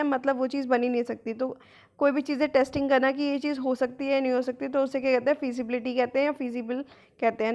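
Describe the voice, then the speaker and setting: A woman teacher giving an online vocabulary lesson, mixing Hindi and English, posing questions and answering them herself, and reading English definitions slowly. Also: high voice, highs cut off. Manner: explains in Hindi mixed with English, asks and answers own questions. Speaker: exam-prep teacher.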